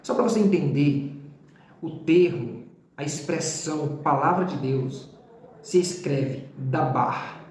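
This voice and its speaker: A man with a somewhat high voice gives a theology lesson, speaking directly to his students and repeating key words slowly so they sink in. The recording carries a noticeable room echo, with a faint hiss of ambient noise underneath. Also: lively intonation. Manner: didactic, talks straight to the student with "tá?" and "ó"; drawn-out repetition of key terms. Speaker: theology teacher.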